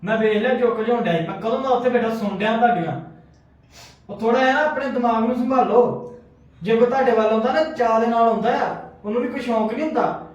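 A man's voice: extremely high pitch, fast talker. A man playing a brother who scolds and lectures his wife in a family skit. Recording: echoey dull room from far off.

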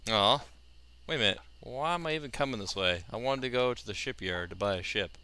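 A man's voice: medium pitch, a little fast, sharp tone, smooth. A man giving casual Let's Play commentary with joking, sarcastic asides. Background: game music.

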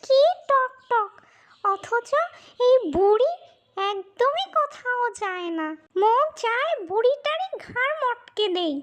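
A very high, piercing voice for a wicked ghost witch in a children's fairy tale. She draws her words out slowly and menacingly, a spiteful creature hungry for children. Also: animated, fairly bright tone, full character voice. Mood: spiteful, resentful. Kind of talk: children's fairy-tale audio drama acting.

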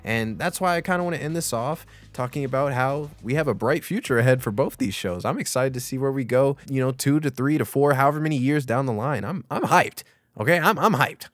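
An excitable young man hosts a casual review, swearing freely and laughing as he goes. His pitch swings widely and his delivery is lively. The sound is dry and close. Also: a little fast, no echo. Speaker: YouTube reviewer. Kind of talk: casual opinion video.

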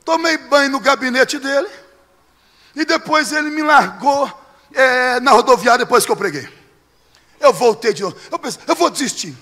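A Brazilian man preaching a sermon as pastor, telling a story and building to shouted preaching. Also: very high voice, lively intonation, moderate pace, in a large hall. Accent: Brazilian Portuguese.

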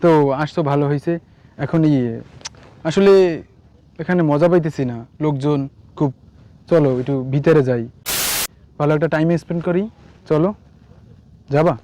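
A man playing a smooth-talking coaxing lover. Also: a little high, moderate pace, pauses often, warm tone, slight background noise, natural voice. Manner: coaxing, wheedling. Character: smooth-talking young man luring his girlfriend. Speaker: actor in a short amateur drama. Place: outdoors among trees.

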